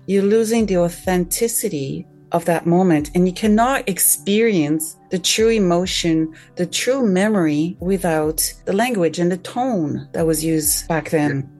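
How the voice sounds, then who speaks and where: A woman hosts an interview, reading an introduction and then asking questions in an earnest, measured way. Her voice sits lower than most women's. Soft music plays faintly underneath. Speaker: host. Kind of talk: interview hosting, read introduction.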